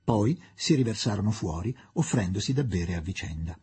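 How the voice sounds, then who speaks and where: A man reading a novel aloud for radio with expressive storytelling. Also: on the low side, moderate pace, breathy edge. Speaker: narrator.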